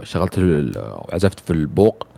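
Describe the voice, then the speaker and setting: A man's voice: low-pitched, big pitch swings, normal speed, gravelly, dark tone. A man recapping a video game plot in casual chat, rambling with many fillers and restarts.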